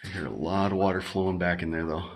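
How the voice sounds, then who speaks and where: Male explorer-vlogger, lower register, unhurried and observational, casual on-the-move narration with clear background noise. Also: steady tone. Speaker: amateur explorer filming a mine visit. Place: inside an abandoned mine tunnel with running water. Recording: clearly noisy handheld recording.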